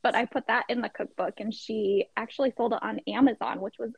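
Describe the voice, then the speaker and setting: A middle-aged woman with a husky, gravelly voice chats easily as a podcast guest, telling her story in an open, conversational way. The sound is dry and a little dull, like a lo-fi recording. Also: on the high side, steady tone, brisk, no room sound. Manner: chatty storytelling with frequent laughs. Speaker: podcast guest, pageant contestant. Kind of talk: casual interview chat.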